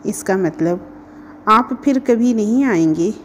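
A woman's voice: mid-range voice, animated, slow, a little hiss or hum. A woman voicing an innocent, slightly proud little girl in a read-aloud storybook, with childlike pleading questions.

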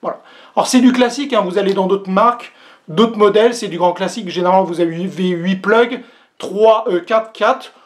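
A vlog host doing a casual unboxing demo, talking straight to viewers, with many hesitant fillers and a joke about their own English accent. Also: mid-range voice. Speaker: host reviewing a product.

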